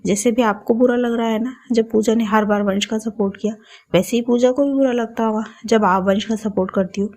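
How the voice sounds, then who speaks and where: A woman voicing a sensible older great-aunt who gently persuades her sister. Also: fairly high pitch, fairly even intonation, brisk, close to an everyday voice. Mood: persuading.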